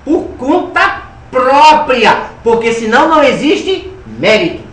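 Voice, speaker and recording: A man delivers a spiritist lecture as a lively, humorous storyteller. His pitch leaps up and down expressively. He sounds some way off from the mic, in a roomy, echoing hall with faint ambience behind him. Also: slow pace, far from the mic. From Alagoas, Brazil. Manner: animated, humorous storyteller with dramatic swings in loudness. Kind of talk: spiritist lecture with personal anecdotes.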